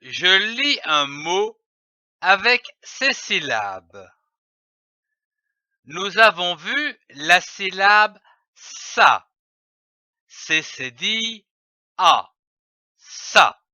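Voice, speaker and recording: Slow, bright-voiced man teaching syllables. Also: high voice, big pitch swings, dry recording, dull audio. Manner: spells letters and sounds out slowly and carefully. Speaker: reading teacher. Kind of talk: slow syllable-by-syllable reading lesson.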